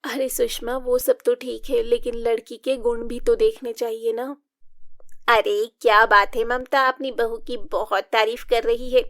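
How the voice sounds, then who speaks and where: A woman's voice: fairly high pitch, level tone, unhurried, fairly bright tone, dry recording, clean studio sound. A woman narrating a family drama story, expressively reading all the female parts. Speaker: narrator voicing all women. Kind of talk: storybook narration with character voices.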